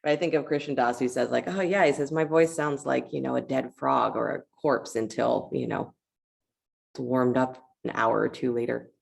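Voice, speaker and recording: Here a woman coaches a yoga class with step-by-step cues, sounding chatty and encouraging. Her creaky bass voice holds a steady tone at a normal speed.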